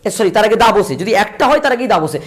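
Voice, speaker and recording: A man teaching a grammar lesson, repeating points and slowing down to spell out examples. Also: high-pitched, sing-song. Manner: repetitive, drills points, slows to spell out examples. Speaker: English teacher.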